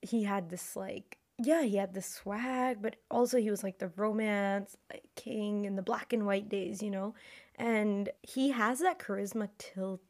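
A woman's voice: mid-range voice, steady tone, unhurried, darkish tone. A woman co-hosting a film podcast, chatting casually and animatedly, with many fillers. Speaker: podcast co-host. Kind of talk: casual chat.

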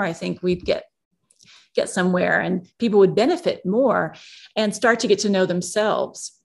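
A woman interviewed as a yoga author, explaining in a measured, teacherly way. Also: medium pitch, gravelly. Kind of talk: podcast interview.

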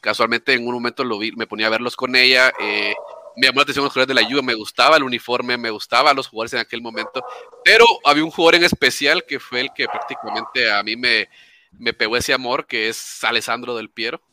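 A man's voice: medium pitch, steady tone, fast talker, bright, forceful tone, slight background noise. A man from Nicaragua, a guest founder of fan groups, telling his story in casual podcast chat with many fillers and restarts. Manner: talkative, hesitant with many fillers.

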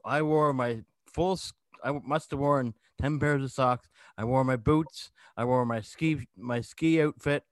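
A man's voice: medium pitch, no room sound. A man, chatting casually as an interviewer, rambling into anecdotes and repeating phrases for emphasis. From Gander, Newfoundland, Canada. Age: 30s. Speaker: host interviewing a hockey guest. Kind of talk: casual chat.

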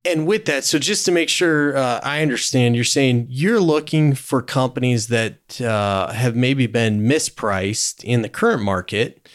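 A man's voice: mid-range voice, measured pace, hardly any pauses. A man hosting a podcast, asking guiding questions in a conversational way. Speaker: podcast host. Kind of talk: podcast interview.

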